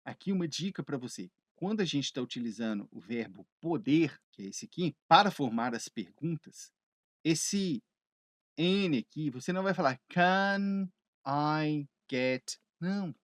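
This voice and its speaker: A man teaching English phrases in Portuguese, chatty and lively, asking himself questions and answering them. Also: fairly high pitch, normal speed, dry recording, clean studio sound.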